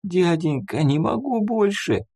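A man's voice: high voice, lively intonation, measured pace, vocal fry, a little mellow, husky, pitched above the performer's own voice, heavily acted. Man doing a whiny worn-out young boy. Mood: whimpering. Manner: whiny, pleading. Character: exhausted frightened young boy.

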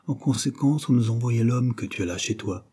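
A man reading aloud voices a calm, kindly older woman who speaks in a soothing, measured way. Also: medium pitch, slightly rough, close to an everyday voice.

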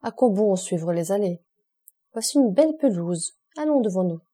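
A cool, ironic aristocratic count giving orders with dry mockery, as a woman reads him in a storybook. The voice is mellow and softly breathy, calm and imperious, never hurried. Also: medium pitch. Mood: cool commanding.

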